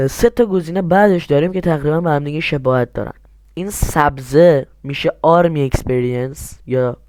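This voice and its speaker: A man's voice: a little high, dark tone, no echo, studio quality. A young man walking viewers through a strategy game step by step, asking himself questions and then answering them. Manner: explains step by step, asks and answers his own questions. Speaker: game tutorial host. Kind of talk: screen-recorded game tutorial.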